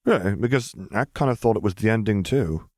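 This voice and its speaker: A man voicing a sharp-tongued young witch girl who talks bluntly and bossily, in a storybook reading. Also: on the low side, expressive, a little fast, no room sound, clean studio sound. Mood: exasperated. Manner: blunt, matter-of-fact, bossy.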